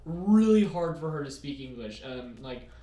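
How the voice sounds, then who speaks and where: A man's voice: on the high side, animated, normal speed, warm tone. A young man hosting a casual podcast rant, rambling with many fillers. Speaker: podcast host. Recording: echoey room, distant mic, faint noise.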